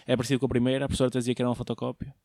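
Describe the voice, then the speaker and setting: A man's voice: medium pitch, little pitch movement, very fast, mellow, no room sound, studio quality. A young man giving a slangy, jokey monologue, often putting questions to his listeners. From Portugal. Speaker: solo show host, comedian. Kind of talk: casual comedic monologue, slangy chat.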